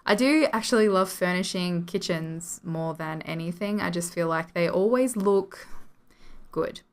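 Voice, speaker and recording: A woman's voice: lowish voice, measured pace. Giggly rambling Australian woman. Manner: rambling, self-deprecating, apologetic, giggly. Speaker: video game building channel host. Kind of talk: casual gameplay commentary. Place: home room.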